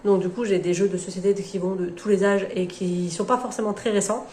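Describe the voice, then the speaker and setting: A woman's voice: mid-range voice, steady tone, a little fast, a little mellow, a little hiss or hum. A woman in her forties from France, chatting casually to camera in a rambling, self-mocking way with many hesitations. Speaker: book vlogger.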